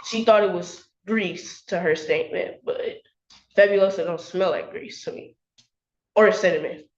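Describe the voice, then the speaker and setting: A woman's voice: on the low side, normal speed. A young woman, a college student, defending herself in court, upset and defensive, with many "like" fillers. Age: young adult. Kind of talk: emotional courtroom testimony. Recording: echoey, dull courtroom audio.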